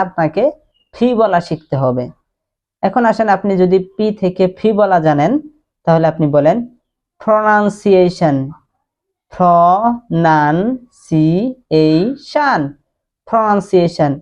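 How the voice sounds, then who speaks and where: A woman teaching English pronunciation to Bengali speakers, drilling words slowly, one after another, and switching between Bengali and English. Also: mid-range voice, warm tone. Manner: slow drilling repetition of words; mixes Bengali with English phrases. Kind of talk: spoken English lesson.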